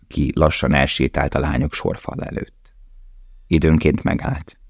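A man reading a novel aloud in a calm, measured way. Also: a bass voice, no room sound, studio quality. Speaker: audiobook narrator. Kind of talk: scripted narration.

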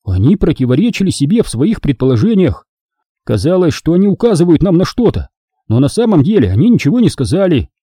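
A man's voice: a little high, big pitch swings, fast talker, warm tone, breathy edge, no echo, clean studio sound, voice pushed up. A man reading the part of a thoughtful young male Jedi apprentice in an audiobook, earnest and reflective.

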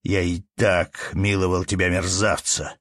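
A contemptuous, bullying estate steward from an audiobook tale scolds and threatens with open scorn. A man voices him as he reads. The voice sits low and the recording is dry and close. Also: level tone, a little slow, a bit bright, no room sound, exaggerated voice. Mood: scolding. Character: arrogant bullying male estate steward, middle-aged. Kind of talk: audiobook character reading.

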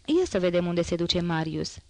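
A woman voicing a curious, excitable young man who keeps asking eager questions, in an audiobook reading. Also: fairly low pitch, no room sound.

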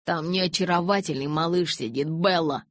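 A woman reading the lines of a hot-tempered, desperate young man in an audiobook, loud and insistent. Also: lowish voice, moderate pace, no echo, studio quality, natural voice. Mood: angry. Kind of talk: audiobook character voice.

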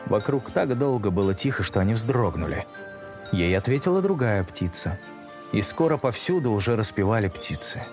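A man narrating a children's story in a measured pace, slowing down for dramatic moments. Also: lowish voice. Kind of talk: audiobook narration. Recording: music bed under narration.

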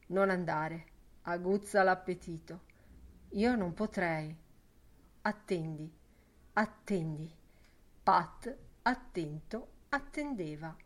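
Slow, measured woman reading a novel. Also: on the low side. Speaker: audiobook reader. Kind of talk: literary audiobook narration.

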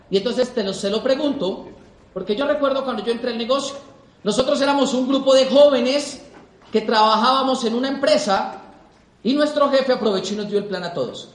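High-voiced Colombian man speaking in an echoey hall. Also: fairly quick. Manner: emphatic, repetitive rhetorical questions. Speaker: motivational speaker. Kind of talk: motivational talk to a live audience.

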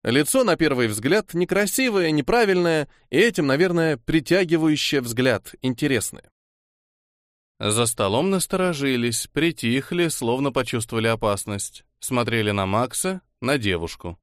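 A man narrating a short story as an expressive audiobook reading. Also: medium pitch, moderate pace, no echo, studio quality.

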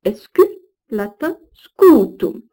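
A woman with a French accent giving a recorded lesson, with slow, careful, deliberate diction. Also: a little high, sing-song, mellow. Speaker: teacher of Old French.

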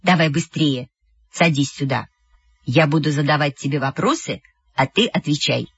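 A woman's voice: low voice, normal speed, breathy edge, muffled recording, voice pushed down. Woman doing a pompous nasal schoolboy reporter. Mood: self-important. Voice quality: nasal, self-important.

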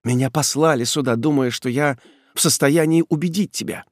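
A man's voice: a little high, brisk, dry recording, studio quality, voice pushed up, lightly acted. A man reading an audiobook and voicing a young woman, a devoted and desperate lover, in an impassioned, tearful, pleading way. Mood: resolute.

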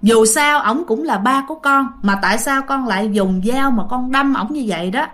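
A woman's voice: sits high, normal speed, a bit bright. A woman voicing a worried, distraught mother in a spoken ghost story.

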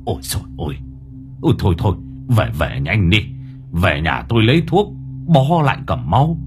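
A man voicing an old village elder who talks low and gruff, scolding like a father. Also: sing-song, normal speed, music in the background. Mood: alarmed. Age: older.

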